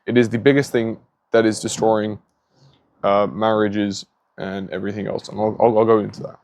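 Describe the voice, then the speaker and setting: Gravelly-voiced man giving an earnest talk. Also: on the low side, little pitch movement, normal speed, a little mellow. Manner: earnest and moralizing, with frequent restarts. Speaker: host of a faith-based monologue vlog. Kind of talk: casual spoken monologue. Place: at home, facing a garden pond. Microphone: phone.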